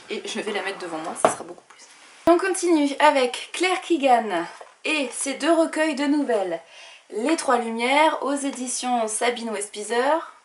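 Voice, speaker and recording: A young woman talks through her book collection for a casual vlog. Her voice sits a little high for a woman. She reels off titles and publishers with small asides and the odd hesitation. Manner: listing titles and publishers with asides, some fillers. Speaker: book vlogger. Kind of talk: casual book haul presentation.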